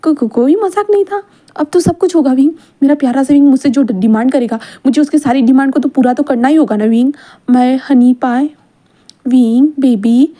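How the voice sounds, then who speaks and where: A woman's voice: high-pitched, dark tone. A woman doing a teasing young male lover. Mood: teasing, coaxing. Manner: playful, coaxing, drawn-out endearments.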